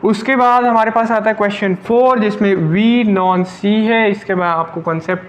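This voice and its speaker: Male language tutor, high-pitched voice; methodical, repetitive explainer who quizzes the class. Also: fairly even intonation, normal speed, lo-fi sound. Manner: explains step by step, repeats key points, asks rhetorical questions. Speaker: French teacher. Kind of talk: online lesson explained in Hindi.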